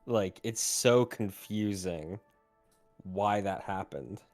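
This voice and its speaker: A man's voice: lowish voice, slow pace, darkish tone, faint music behind. A young man in casual chat with his game group, swearing and thinking aloud with laughs. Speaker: tabletop game player.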